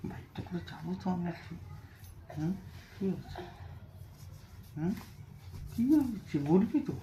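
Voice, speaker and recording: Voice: medium pitch, expressive, measured pace, dark tone, echoey room, a little hiss or hum. A father at home teasing and playing with his small child. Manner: teasing, playful. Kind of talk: playful teasing.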